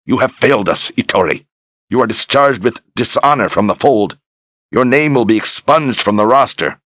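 A man's voice: deep voice, very animated, moderate pace, fairly bright tone, slightly rough, dry recording, studio quality, voice pushed up, heavily acted. A man reading an audiobook, voicing a cruel zealot general who commands harshly in old-fashioned grammar. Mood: raging.

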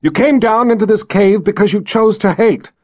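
A man voicing a frightened but firm young girl who answers calmly and reproachfully. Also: high-pitched, moderate pace, pitched above the performer's own voice. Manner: calm, steady, reproachful.

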